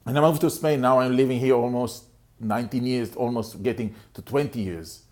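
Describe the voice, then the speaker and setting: A middle-aged man from Israel, a motivational speaker telling his personal life story to the camera in an earnest, halting way, often repeating and restarting phrases. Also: mid-range voice, a little mellow.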